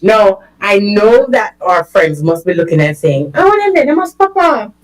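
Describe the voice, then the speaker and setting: A woman, hosting a casual chat show, slow and animated with frequent laughter. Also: mid-range voice, poor audio. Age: 20s. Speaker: host.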